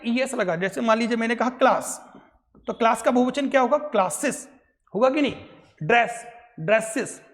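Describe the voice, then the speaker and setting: Man teaching grammar in a reverberant classroom. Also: extremely high pitch. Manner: repeats answers, checks with frequent tag questions. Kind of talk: classroom lecture in Hindi mixed with English. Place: coaching classroom.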